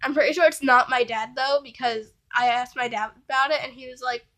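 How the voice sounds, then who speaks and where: A high-pitched young woman talks to camera in a loose, rambling storytime chat, leaning on filler words at every turn. She sounds under the weather, like someone home sick. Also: fairly even intonation, brisk, fairly bright tone. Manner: rambling, fills with "like" constantly. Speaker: vlogger.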